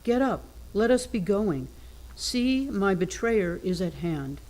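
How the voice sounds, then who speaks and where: A woman's voice: medium pitch, lively intonation, slow, a little mellow, rough recording. A woman delivering a formal gospel reading as a church reader. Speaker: scripture reader at a Good Friday service.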